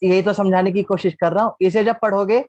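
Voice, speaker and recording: A man's voice: high-pitched, fairly even intonation, a little fast, darkish tone, no echo. A man teaching an online class, patiently asking the class questions and answering them himself. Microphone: video call. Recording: dull lo-fi online class audio.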